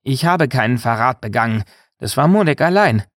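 A man's voice: medium pitch, lively intonation, normal speed, dry recording, studio quality, voice pushed up, close to an everyday voice. A man voicing a sneering male soldier who is a spineless follower, in a mocking, defensive manner.

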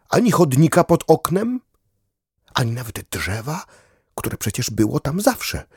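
Husky, slow, very expressive storyteller man. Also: medium pitch, dry recording, clean studio sound. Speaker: audiobook reader. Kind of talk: scripted children's story narration. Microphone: close studio mic.

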